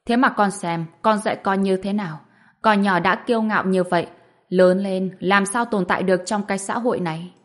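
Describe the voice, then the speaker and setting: A woman's voice: fairly low pitch, steady tone, moderate pace, lightly acted. Woman voicing a stern old grandfather. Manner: stern, lecturing.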